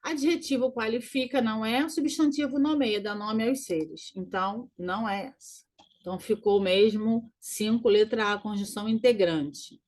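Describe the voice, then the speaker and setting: A woman teaching grammar in a recorded lesson, walking through exam answers and slowly repeating key words. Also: a little high, darkish tone. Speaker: Portuguese teacher.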